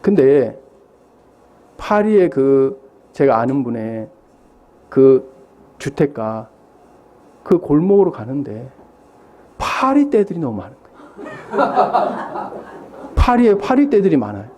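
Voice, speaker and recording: A man's voice: mid-range voice, sing-song, slow pace, long pauses, a little mellow. A man preaching a sermon as a missionary, telling stories with animation and quizzing the congregation.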